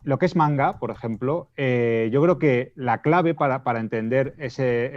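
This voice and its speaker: Spanish male panelist, explanatory and hesitant, mid pitch, slightly muffled lo-fi audio. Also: a little mellow. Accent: Spain. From Spain. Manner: explanatory, restates points, frequent hesitations. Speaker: debate panelist. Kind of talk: casual panel discussion. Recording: dull lo-fi audio.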